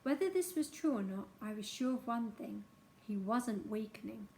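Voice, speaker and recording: A woman narrating a childhood memoir aloud in an expressive storytelling manner. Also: a little high, normal speed, creaky, a little hiss or hum.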